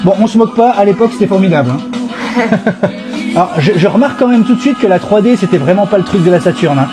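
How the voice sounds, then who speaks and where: A man's voice: sits high, animated, fast talker, over music. A middle-aged man with a stuffy cold hosting a casual live gaming stream, chatty, playful and nostalgic. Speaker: host.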